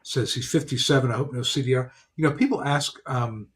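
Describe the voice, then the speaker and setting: A man's voice: medium pitch, fairly quick. Man explaining with frequent fillers. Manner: explains in a practical way, many "you know" fillers. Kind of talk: explanatory casual discussion.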